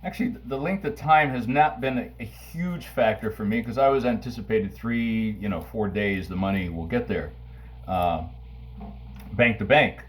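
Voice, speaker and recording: A man talking playfully to camera in his kitchen, theatrical, swinging from booming outbursts to low asides while he cuts an onion. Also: moderate pace. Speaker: vlogger. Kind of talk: casual talk to camera. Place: home kitchen.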